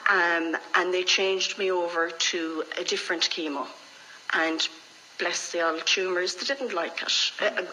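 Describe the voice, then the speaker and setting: A woman's voice: fairly low pitch, bright, forceful tone, slight background noise, poor audio. A middle-aged woman with an Irish accent, telling her own story frankly and reflectively as an interview guest. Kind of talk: candid personal storytelling in conversation.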